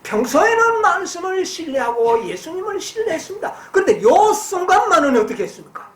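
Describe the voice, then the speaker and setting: Animated woman preacher, high voice. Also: reverberant. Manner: asks the listeners questions and answers them herself; reads slowly, then explains in a livelier voice. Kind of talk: sermon with Bible reading.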